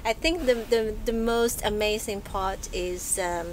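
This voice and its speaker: A woman from Hong Kong talks as a podcast guest in a soft, reflective way, pausing often and laughing gently. Her pitch sits in a middle range. A faint hiss of noise is heard under her voice. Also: rough recording. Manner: soft-spoken, thoughtful, with frequent hesitations and gentle laughs. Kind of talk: casual interview chat. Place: bookshop, live recording.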